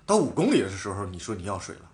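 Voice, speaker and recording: Man guest recounting race drama, quick and animated, casual swearing. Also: fairly low pitch. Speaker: professional cyclist guest. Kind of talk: casual storytelling chat.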